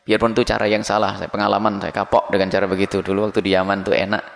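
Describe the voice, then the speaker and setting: A middle-aged man preaching a Ramadan sermon in a lively, playful way, acting out everyday examples. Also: fairly low pitch, rapid-fire, vocal fry. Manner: animated, playful, acts out examples. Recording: long hall reverb.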